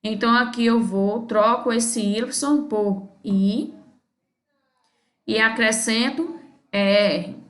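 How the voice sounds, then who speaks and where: This recorded English grammar lesson, made in an echoey room, features a woman teacher from Brazil whose voice sits on the high side, fairly bright and fairly even in intonation. She takes it slowly, walking through each step patiently and asking her students "certo?" every time.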